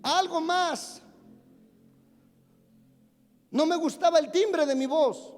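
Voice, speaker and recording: A pastor in his forties speaks a little slowly in a very high voice during his sermon. He jokes about himself and quizzes the congregation, his words carrying long reverb through the church hall.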